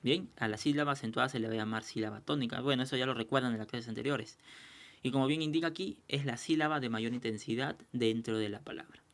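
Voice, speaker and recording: A man teaching a recorded lesson, explaining patiently, checking understanding and slowing down to sound out example words. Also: medium pitch, a bit bright.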